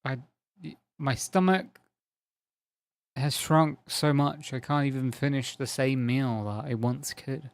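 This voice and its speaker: Chatting casually while he plays a game on a live stream, a man rambles on to his audience. His mid-range voice is smooth and slow, with fairly even intonation and no room sound, though a slight strain suggests he is losing it.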